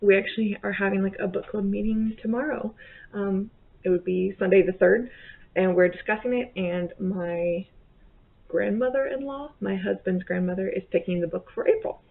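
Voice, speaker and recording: A woman in her thirties, a book vlogger, chats casually about her month's reading from a bedroom or home office, her mid-range voice at a moderate pace with vocal fry. She rambles and corrects herself, recorded on a desk webcam with a tinny, phone-like sound.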